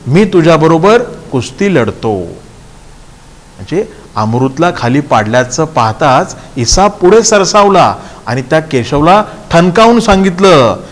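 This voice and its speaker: Man, teacher, reads a story and retells each line plainly, unhurried, long reverb. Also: medium pitch. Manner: reads a sentence, then retells it in simpler words. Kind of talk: reading a story aloud and explaining it.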